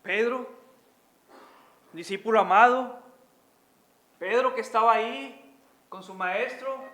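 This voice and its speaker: Male preacher, sermon; strikingly high pitch, forceful bright tone, fervent, keeps addressing the congregation. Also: takes it slowly. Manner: fervent, often addresses listeners as brothers and sisters.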